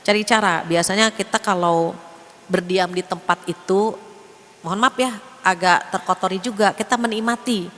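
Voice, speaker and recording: A woman's voice: medium pitch, moderate pace, big-room sound. A woman preacher giving a casual religious lecture in a chatty way, acting out bits of everyday talk. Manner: chatty, acts out quoted speech in lively voices. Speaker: female Islamic preacher.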